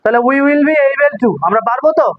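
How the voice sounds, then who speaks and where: A man with a notably high voice runs an English grammar class. He drills example sentences back and forth between two languages and keeps checking whether the students follow. The recording is dry and slightly muffled. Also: brisk, dry recording. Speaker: English teacher.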